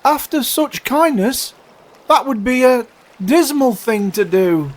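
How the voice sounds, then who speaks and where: A man's voice: lively intonation, slow, heavily acted. A man voicing small, timid young oysters in a storybook poem, plaintive and pleading. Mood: alarmed pleading. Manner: high, pleading delivery.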